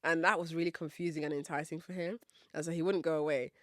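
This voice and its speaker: A woman's voice: sits low, steady tone, fast, no echo, studio quality. Sassy, confident woman podcast host. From Nigeria. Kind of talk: casual storytelling monologue.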